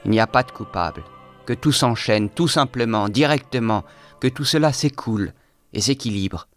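A man's voice: mid-range voice, lively intonation, normal speed, soft background music, lightly acted. A man reading aloud, voicing a bitter young intellectual who talks in a feverish, exalted monologue.

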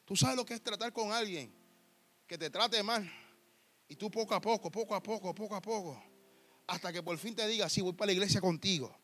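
A male preacher delivering a sermon, emphatic, swinging from soft to shouting and dropping in English words. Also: high voice, moderate pace, long pauses.

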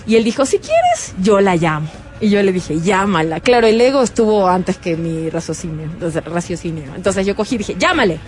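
A woman's voice: mid-range voice, a little fast, hardly any pauses. A woman co-hosting a casual radio chat, telling a personal story and acting out the quoted lines. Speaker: radio show co-host.

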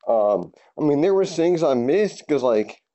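A man's voice: on the high side, very animated, a little slow, mellow. A man hosting a casual solo podcast from his garage, rambling loosely with lots of fillers and casual swearing. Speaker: podcast host. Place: home garage.

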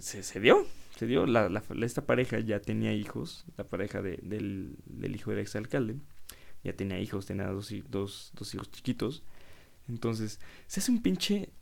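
A man in his twenties with a Mexican accent, hosting a casual solo podcast and telling stories in an animated, slangy way full of swearing. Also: mid-range voice, gravelly. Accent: Mexican Spanish. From Querétaro, Mexico. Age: 20s. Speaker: podcast host.

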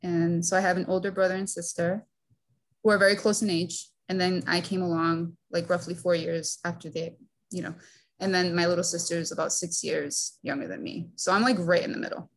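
Giggly young woman, slightly low voice. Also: level tone, a little fast. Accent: Northeastern American. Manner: giggly, talkative, uses "like" a lot. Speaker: podcast guest. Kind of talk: casual interview chat.

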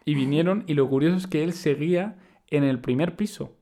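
Fast-talking young man telling a story. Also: a little high. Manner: animated storyteller acting out quotes. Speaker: podcast guest storyteller. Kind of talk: casual chat.

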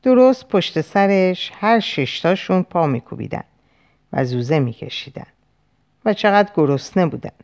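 A woman reading a novel aloud as a dramatic audiobook, slow and grave, with weighty pauses. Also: fairly low pitch, lively intonation, darkish tone. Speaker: audiobook narrator.

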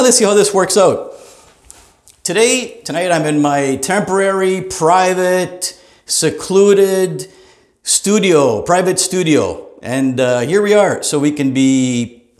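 Man, podcast host, rambling profane rant, higher voice, echoey small studio. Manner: profane, rambling, laughing asides. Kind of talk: comedic rant. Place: small private home studio.

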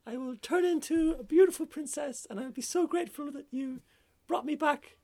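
A man putting on a squeaky, sing-song voice for a female frog who says she is a princess, while telling a joke. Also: normal speed, a little mellow. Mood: eager.

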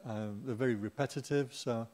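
A man's voice: mid-range voice, normal speed, darkish tone. A middle-aged man giving an informal Dharma talk as a Buddhist teacher, chatty and humorous, with playful asides to the audience.

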